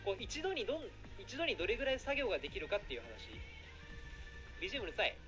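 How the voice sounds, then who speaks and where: A man chatting casually on a live stream, excitable and rambling, often apologizing for being too loud. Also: high voice, rapid-fire. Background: background music.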